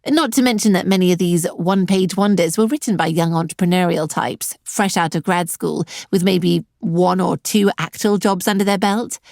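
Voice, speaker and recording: A woman's voice: fairly low pitch, moderate pace, gravelly, few pauses, darkish tone, no echo. A middle-aged woman hosting an online career webinar, talking directly to her viewers with a dry, sarcastic edge. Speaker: webinar host and career coach.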